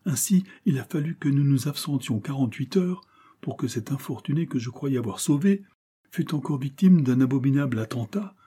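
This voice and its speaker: A man voicing an impassioned young male avenger with a husky voice and declamatory delivery. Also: mid-range voice, moderate pace, dark tone, natural voice. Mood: indignant. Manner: declamatory, rising to vehement cries. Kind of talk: audiobook character reading.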